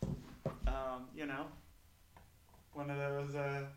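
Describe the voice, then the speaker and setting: A man's voice: medium pitch, completely flat delivery, takes it slowly. A man chatting casually as a podcast co-host, rambling with lots of fillers, his voice echoing as if heard through a second device. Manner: rambling, trails off with many fillers. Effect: echo from a second device. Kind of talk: casual chat. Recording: echoey and distant, faint noise.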